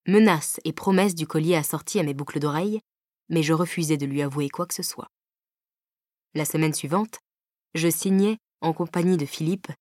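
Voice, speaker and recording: A woman reading a novel aloud in the first person, measured and even, at a close microphone. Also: on the low side, no room sound. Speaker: audiobook narrator. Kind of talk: scripted audiobook narration. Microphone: close studio microphone.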